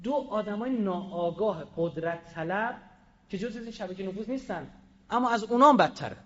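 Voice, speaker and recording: A man giving a combative public speech, firing rhetorical questions and swinging between loud and quiet. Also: high-pitched, animated, in a large hall, highs cut off. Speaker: public speaker.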